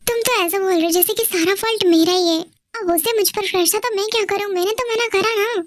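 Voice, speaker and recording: A woman's voice: extremely high pitch, brisk, dry recording. A woman voicing a defensive young woman who answers her jealous boyfriend in an exasperated way.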